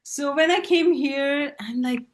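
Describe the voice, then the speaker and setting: A middle-aged woman from Pakistan, speaking as a guest on a video-call interview, unhurried and hesitant with fillers. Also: sits high. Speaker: guest artist. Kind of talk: relaxed interview conversation.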